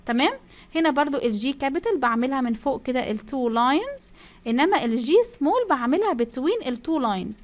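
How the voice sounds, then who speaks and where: A high, expressive female voice at a normal speed, carrying an Egyptian Arabic accent. She's a primary school English teacher running a first-grade lesson, stretching out English phrases and drilling the children to repeat after her.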